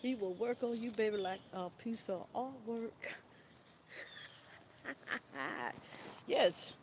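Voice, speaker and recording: A woman's voice: a little high, slow pace. A woman talking casually on a livestream outdoors in the wind, rambling and repeating "you know what I'm saying" while calling listeners "baby". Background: light wind.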